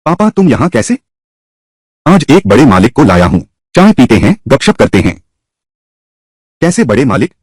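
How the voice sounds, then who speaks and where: A man voicing all the characters of a drama by himself, switching pitch between roles. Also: big pitch swings, normal speed, pauses often, breathy edge, no echo. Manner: voices every character himself with shifting pitch. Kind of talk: single-voice dub of a drama.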